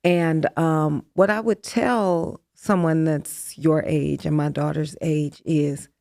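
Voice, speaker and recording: A woman in her fifties, an interview guest, speaking in a calm, measured way. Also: low voice, vocal fry, no echo, studio quality. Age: 50s. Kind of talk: candid interview chat.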